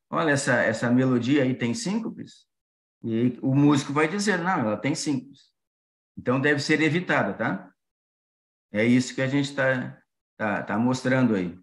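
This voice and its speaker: Slow-talking man with a roomy echo. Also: medium pitch. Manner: explains patiently with frequent fillers and checks like "tá?"; sings short melody syllables to demonstrate. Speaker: music teacher. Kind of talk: online class explanation.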